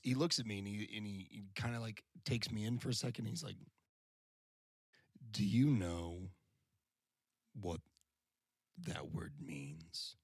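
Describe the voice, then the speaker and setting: A man in a band telling a story in casual chat, animated and swearing, acting out the people in it. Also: mid-range voice, no room sound, clean studio sound. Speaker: band member.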